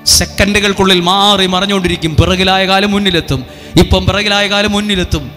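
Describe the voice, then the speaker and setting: A priest leading a revival sermon, coaxing the crowd with repeated call-and-response lines. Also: male voice, high voice, steady tone, fairly quick, sharp tone, long reverb tail, soft background music. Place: retreat centre hall.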